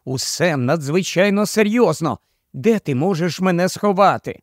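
A man's voice: high-pitched, animated, moderate pace, dry recording, clean studio sound. A man voicing a proud young noblewoman on the run, pressing and pleading in an urgent hiss.

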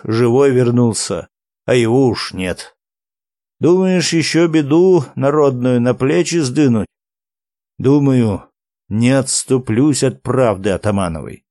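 A man voicing a blunt, steady young male rebel. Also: medium pitch, dry recording, clean studio sound, close to an everyday voice.

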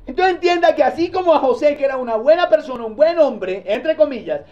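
A male pastor preaches in a high voice and tells the story in a lively, animated way. He often breaks off to ask the congregation questions, and the recording sounds dull and lo-fi. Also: fairly quick. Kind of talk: sermon.

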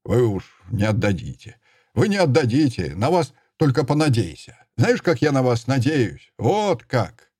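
A man reading an audiobook voices a seventy-year-old mischievous drunk carpenter with a creaky, querulous, nagging voice. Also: mid-range voice, sing-song, measured pace, a little mellow, no echo, clean studio sound. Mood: pleased gossip. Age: 70s. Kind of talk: audiobook character voice.

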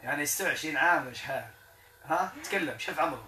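High-voiced Moroccan man leading a healing session. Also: very fast, roomy sound, recorded from a distance, very noisy. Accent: Moroccan Arabic. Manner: coaxing, repeats short questions and prayers. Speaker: Quran healer.

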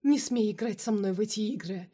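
A woman voicing a jealous, fiery female vampire who shouts and hisses her accusations, in a storybook reading. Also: medium pitch, fairly quick, breathy edge, close to an everyday voice. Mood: furious.

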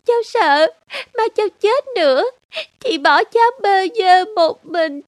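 A man's voice: unhurried, fairly bright tone, no echo, studio quality. A man voicing a poor, frightened little girl who speaks timidly. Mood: timid, tearful. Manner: very high falsetto, timid and sobbing.

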